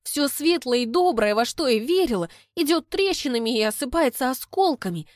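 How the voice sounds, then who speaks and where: A woman narrating an audiobook in the first person, her rather high voice moving lively up and down. She tells the story with an ironic, expressive touch, close to the mic in a dry, dead room. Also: moderate pace, dry recording.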